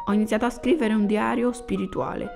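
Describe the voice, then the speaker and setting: A woman's voice: a little high, steady tone, fairly quick, gravelly, over music. A woman voicing a cheerful, kind-hearted schoolboy who is polite and playful, in an Italian film dub.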